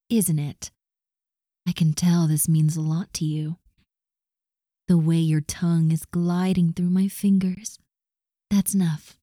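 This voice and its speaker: Woman doing a bossy roleplay, super slow and mellow, dips into whispers right on the mic. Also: fairly low pitch, dry recording, clean studio sound. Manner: slow, commanding, dominant tone with soft whispered asides. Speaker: audio roleplay performer. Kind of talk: scripted audio roleplay.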